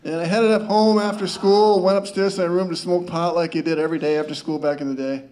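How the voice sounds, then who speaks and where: A man's voice: high voice, fairly even intonation, fast, a little mellow. A male stand-up comedian telling a rambling story with stammers, restarts and chuckles.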